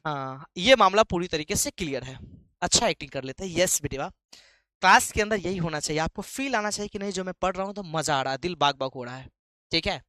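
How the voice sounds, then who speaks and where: A man's voice: high-pitched, expressive, brisk, bright, forceful tone, dry recording. A man teaching an English poem in a live online class, chatty and playful, calling students "beta".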